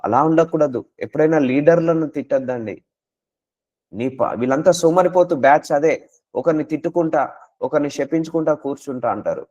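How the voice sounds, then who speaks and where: A man's voice: a little high, normal speed, warm tone, muffled recording. A man preaching a sermon, exhorting listeners with repeated rhetorical questions and English words mixed into his speech.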